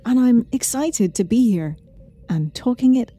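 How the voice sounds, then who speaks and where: A woman's voice: on the high side, animated, measured pace, mellow, slightly rough, dry recording, faint music behind. A woman co-hosting a podcast in casual, enthusiastic chat. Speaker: podcast co-host.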